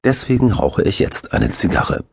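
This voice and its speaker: A man voicing an overjoyed, tousled new father who babbles excitedly. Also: lowish voice, normal speed, gravelly, a little hiss or hum, pitched above the performer's own voice.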